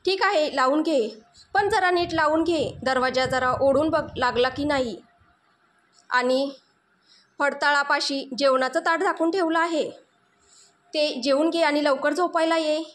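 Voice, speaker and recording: A woman voicing a middle-aged mother who fusses over and gently scolds her daughter. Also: high voice, steady tone, unhurried. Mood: fussing. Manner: scolding, fussy.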